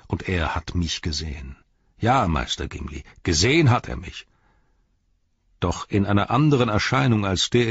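A weary, stern noble male ranger king, read by a man who speaks in a grave, measured way. The voice is deep and husky. It has a dry, dull audiobook sound. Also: no room sound, heavily acted.

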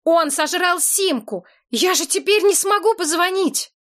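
A woman's voice: high voice, lively intonation, a little slow. A woman doing a frantic, melodramatic young woman. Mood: shrieking. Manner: wailing, melodramatic pleading.

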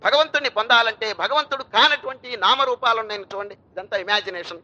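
A man's voice: very high voice, quick pace, bright, forceful tone, dull audio. A male swami giving a storytelling sermon, asking rhetorical questions and chanting verses. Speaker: swami giving religious discourse.

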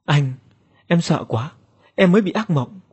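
A man's voice: fairly high pitch, expressive, unhurried, a little mellow, breathy edge, pitched above the performer's own voice. A man voicing a frightened young woman in a horror story, crying out in panic and pleading. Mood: anxious.

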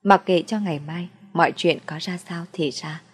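A woman's voice: fairly low pitch, fairly even intonation, normal speed, breathy edge. A woman narrating a first-person story in a plain, confiding way.

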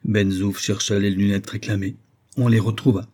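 A man narrating an audiobook in a measured, expressive reading. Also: lowish voice.

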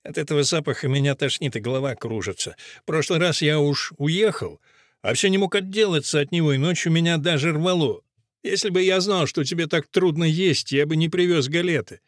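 A man reading an audiobook, voicing a weary, patient old man who mutters and tries to calm his friend. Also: a little high, brisk, dry recording, clean studio sound, natural voice. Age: older. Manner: muttering, calming.

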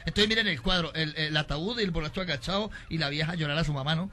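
High-voiced joke teller. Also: male voice, fast. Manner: lively storytelling that breaks into shouts and laughter. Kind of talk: live joke telling. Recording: noisy live recording.

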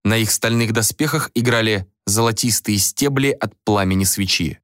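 A man narrating a fantasy novel as an audiobook, reading in an animated, expressive way. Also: lowish voice, normal speed, no room sound, studio quality.

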